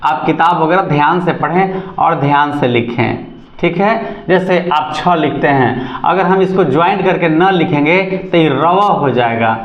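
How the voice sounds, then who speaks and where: A man's voice: fairly high pitch, a little slow. A man teaching a lesson, repeating each definition and asking and answering his own questions. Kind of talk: classroom lesson. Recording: echoey room, dull sound.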